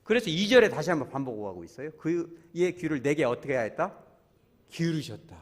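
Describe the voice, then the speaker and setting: A man's voice: a little high, fairly quick. A man preaching a Sunday sermon as pastor, acting out prayers and little scenes and calling the congregation to join in. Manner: animated preaching with acted-out quotes and congregation prompts. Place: church sanctuary.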